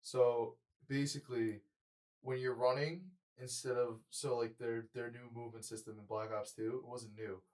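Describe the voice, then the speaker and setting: A man's voice: mid-range voice, little pitch movement, moderate pace, a little mellow, rough recording. A man in his twenties co-hosting a podcast in casual chat, rambling, full of "like" and swearing. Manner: rambling, profane, lots of "like". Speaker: podcast co-host.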